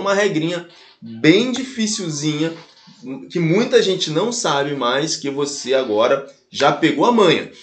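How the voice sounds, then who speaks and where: A Brazilian man with a fairly high voice leads a grammar lesson, speaking with a Brazilian Portuguese accent. He talks straight to his students and repeats each example slowly to drive it home. The sound is echoey, as if recorded in a bare room. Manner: animated, addresses students directly, repeats and spells out examples. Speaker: Portuguese teacher.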